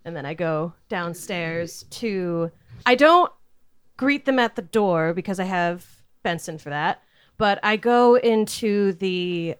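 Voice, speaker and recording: Lively woman playing a bossy estate lady. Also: lowish voice, takes it slowly, clear, resonant tone. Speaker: player in the game. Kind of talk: casual in-character role-play chat.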